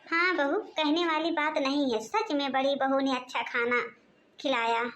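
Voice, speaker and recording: A fussy, scheming old cartoon mother-in-law, voiced by a woman, complaining and nagging in a lower, older-sounding tone. She mutters her grievances and plots with a sour, grumbling edge. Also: steady tone, moderate pace, a bit bright, a little hiss or hum. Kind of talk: cartoon voice acting.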